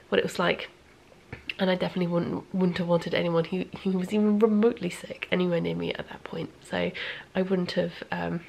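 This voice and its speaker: A woman with a lowish, creaky voice chats casually and rambles in a knitting vlog. She sounds congested and sniffly, and at times her voice drops almost to a whisper.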